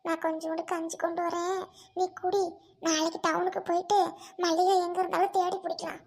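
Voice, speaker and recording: A woman's voice: very high voice, level tone, a little fast, a little mellow. A woman playing a caring village woman who coaxes and consoles an old man, in an amateur family drama. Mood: consoling. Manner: coaxing, consoling, raised worried voice.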